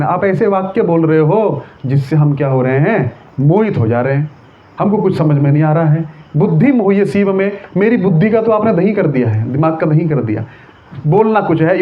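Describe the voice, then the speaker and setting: A man preaching on scripture in a lively, conversational way, asking many rhetorical questions and checking that his listeners follow. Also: a little high. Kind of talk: sermon on scripture. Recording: tinny phone-like sound.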